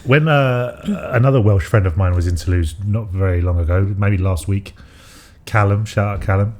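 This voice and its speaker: A man's voice: lowish voice, normal speed, a little mellow. A man co-hosting a podcast in casual chat, rambling with many fillers and restarts. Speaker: podcast co-host.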